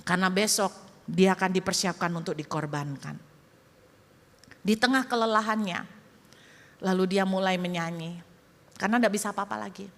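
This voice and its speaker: Bright-voiced woman preacher telling a story. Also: mid-range voice. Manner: lively, addresses the congregation directly. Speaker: pastor. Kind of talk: storytelling sermon. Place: church hall. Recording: echoey church hall.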